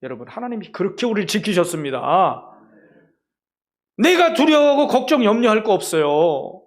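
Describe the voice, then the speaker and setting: High-voiced emphatic male preacher. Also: big pitch swings, moderate pace. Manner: emphatic, rhetorical questions to congregation. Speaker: pastor. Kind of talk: sermon.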